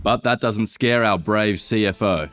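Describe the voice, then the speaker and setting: A man's voice: on the low side, a little slow, a bit bright, faint music behind. A young man giving wry, mock-dramatic scripted narration over a travel vlog. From Australia.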